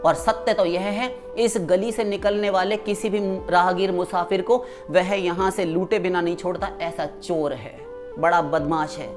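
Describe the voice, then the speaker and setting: A woman's voice: on the low side, fairly even intonation, unhurried, over music. A woman preacher giving a devotional sermon, reciting verses and then explaining them.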